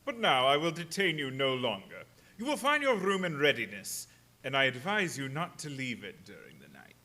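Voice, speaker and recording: A man playing a menacingly courteous vampire count in a radio drama, speaking theatrically with slow, deliberate, false politeness. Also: medium pitch, huge pitch swings, pushed and bright, a little hiss or hum, full character voice. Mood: silky, ominous. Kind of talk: live radio drama acting.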